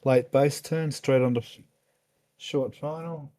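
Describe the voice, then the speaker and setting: A man hosts a live stream from a small plane, talking loosely and tripping over his own words. He sounds tired, as if it were very late at night. His voice is mellow and on the dark side. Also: medium pitch, fairly even intonation, measured pace. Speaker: photographer narrating a live flyover stream. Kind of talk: casual live-stream chat.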